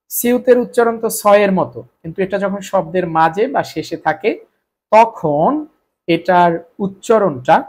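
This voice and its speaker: Man teaching, asks then answers himself. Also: sits high. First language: Bengali. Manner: repetitive, asks and answers own questions. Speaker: Korean language teacher. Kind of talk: explaining grammar rules to students.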